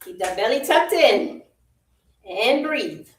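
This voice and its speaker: Leading a live virtual workout, this Jamaican-accented fitness instructor speaks slowly in a slightly high voice with lively intonation. She gives short, encouraging cues again and again and laughs readily, heard from a distance in a roomy space.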